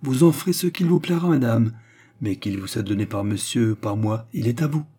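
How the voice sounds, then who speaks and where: A man voicing a composed, politely ironic French gentleman in a storybook reading, with a mellow, husky voice. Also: medium pitch, lively intonation, normal speed. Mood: calm courtesy. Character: calm, courteous French gentleman.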